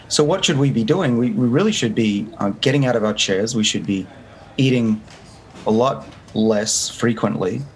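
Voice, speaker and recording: Here a lowish male voice comes through poor audio with faint background noise. He's an Australian in his fifties, an interview guest on a remote call, describing his research earnestly and restarting a lot.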